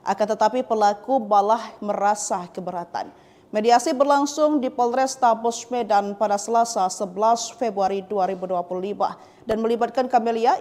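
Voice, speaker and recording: A woman reading a scripted news report in an even, formal manner. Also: fairly high pitch. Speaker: news narrator.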